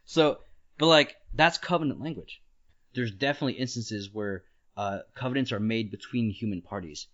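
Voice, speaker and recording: A man's voice: fairly low pitch, normal speed, a bit bright. A man hosting a podcast, explaining ideas in casual chat, talking it through with frequent "like" and "right?" and laughing easily. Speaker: podcast host. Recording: dull lo-fi podcast audio.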